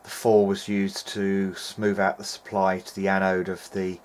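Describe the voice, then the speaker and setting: A low-pitched male voice, unhurried, gives relaxed commentary from the workbench as a hobbyist radio restorer. He thinks aloud with some hesitation, over clear, steady background noise.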